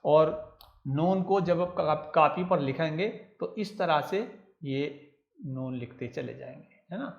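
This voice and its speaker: A man's voice: fairly high pitch, slow, gravelly, highs cut off. A man teaching a children's writing lesson, patiently spelling out letters one by one and repeating each step. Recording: roomy echo.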